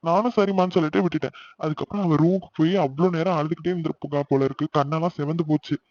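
A man narrating a cartoon and voicing an older brother, earnest and fast. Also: a little high, steady tone, darkish tone, highs cut off, a little hiss or hum.

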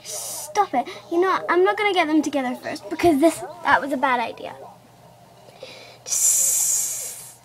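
A woman's voice: sits high, lively intonation, quick pace, hardly any pauses, crowd noise. A young girl chatting casually over her life-sim gameplay, rambling with lots of fillers, music playing under her voice. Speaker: gameplay narrator. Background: background music.

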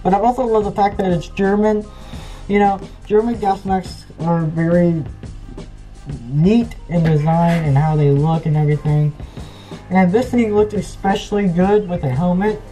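A woman's voice: fairly low pitch, steady tone, normal speed, dark tone, faint music behind, poor audio. A woman reviewing gas masks in a chatty, enthusiastic way, speaking through a gas mask she is wearing. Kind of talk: casual product review vlog.

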